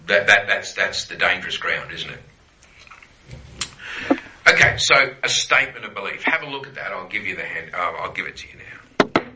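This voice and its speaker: Bright-voiced man teaching the Bible. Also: sits low, reverberant, poor audio. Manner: conversational, checks in with "yeah?"; quotes scripture, repeats phrases for emphasis. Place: teaching room with a group.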